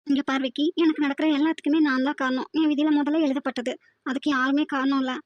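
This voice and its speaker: A woman voicing a hurt, devoted young woman in an animated drama, pleading insistently. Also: high voice, fast, no echo, close to an everyday voice.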